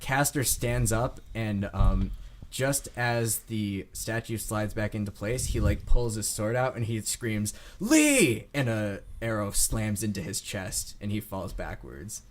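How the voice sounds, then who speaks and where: A man's voice: fairly low pitch, steady tone, measured pace. Rambling man game master, faint hiss. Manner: rambling narration full of "like" and "uh". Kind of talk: narrating a tabletop game.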